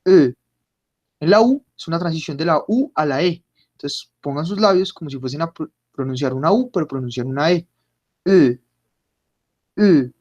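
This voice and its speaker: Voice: medium pitch, animated, fast, lo-fi sound. Online German teacher. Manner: patient, drills pronunciation by repeating words. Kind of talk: online class explanation. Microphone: computer mic on a video call.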